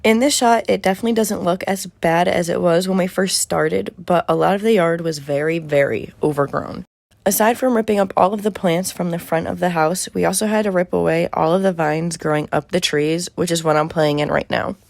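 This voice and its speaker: A woman's voice: fairly low pitch, fairly even intonation, brisk, gravelly, darkish tone, no echo. A woman in her early twenties narrating a casual vlog voiceover in a conversational, wry way, close to the mic. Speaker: vlogger.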